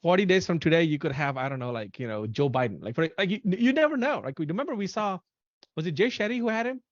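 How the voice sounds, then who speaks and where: A man in his thirties hosting a casual podcast chat, excitable and animated, speaking in quick bursts. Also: a little high, no room sound. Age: 30s. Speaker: podcast host. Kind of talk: casual chat on a video call. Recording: dull, lo-fi, dry audio.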